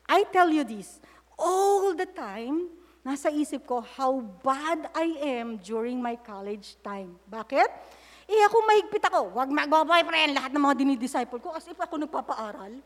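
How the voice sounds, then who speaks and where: Speaking at normal speed in a high-sitting voice with lively intonation, a middle-aged woman delivers a sermon recorded in a hall with long reverb. She tells frank personal anecdotes in a mix of English and Tagalog, breaking off mid-sentence into prayer.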